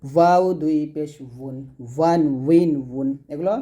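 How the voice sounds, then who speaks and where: Slow, mellow-voiced male Quran tutor. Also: on the high side, fairly even intonation. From Bangladesh. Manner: spells out letters and vowel marks slowly, then chats quickly. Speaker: Quran reading teacher. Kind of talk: slow drilled recitation lesson.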